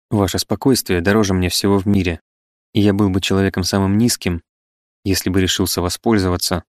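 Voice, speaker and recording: A man's voice: low voice, no echo, studio quality, close to an everyday voice. A man voicing an eloquent but wavering young idealist who pleads earnestly and falls into self-reproach.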